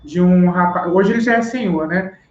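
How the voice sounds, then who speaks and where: A man's voice: sits high, normal speed, a little hiss or hum. A man, a guest on an interview show, patiently explains step by step and often checks that he has been understood. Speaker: sign language teacher guest. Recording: roomy, dull live-stream audio.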